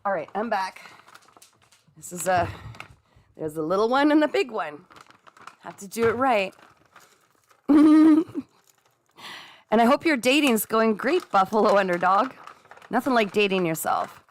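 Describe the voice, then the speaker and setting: A woman's voice: medium pitch, lively intonation, unhurried, pauses often, slight background noise. A middle-aged woman hosting a casual live stream from home, reading viewer comments aloud and cheering viewers on in a chatty way. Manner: chatty and encouraging, frequent laughs, talks straight to viewers as "guys". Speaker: livestream host and psychic reader. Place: at home with her dogs.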